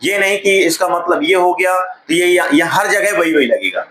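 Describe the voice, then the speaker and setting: A man teaches a classroom lesson, asking questions and answering them himself while drawing out key words. His voice is bright and sits a little high. The room is echoey, with faint noise behind him. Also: lively intonation, moderate pace. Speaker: spoken English teacher.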